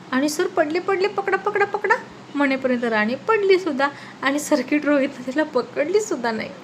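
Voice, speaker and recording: A woman narrating a family story and voicing every character in an animated way. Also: high-pitched, slight background noise, low-quality recording. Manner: lively, animated narration with raised voice for quarrels.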